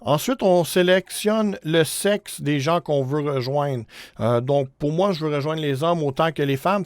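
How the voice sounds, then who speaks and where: A man's voice: on the high side, no room sound, studio quality. A man in his thirties with a Quebec French accent, hosting a casual screen-share tutorial in an informal, hesitant way with English words mixed in. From Canada. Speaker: music promotion tutorial host.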